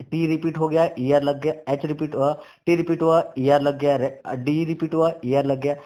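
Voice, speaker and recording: A man with an Indian English accent teaching a grammar lesson, reading English rules out slowly and then explaining them quickly in between. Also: a little high, a little mellow.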